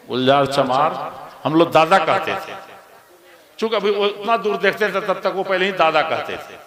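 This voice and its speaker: A man delivers a sermon in a high, bright-edged voice. He surges into loud, emphatic passages and then drops to quiet asides. A crowd is clearly heard behind him. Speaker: Islamic preacher.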